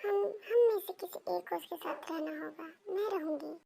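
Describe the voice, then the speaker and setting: A caring but bossy sister-in-law who runs the house with firm, motherly orders, as a woman reader puts her on. The voice is very high and gravelly, in a storybook reading. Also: normal speed, crowd noise, exaggerated voice, low-quality recording. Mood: worried.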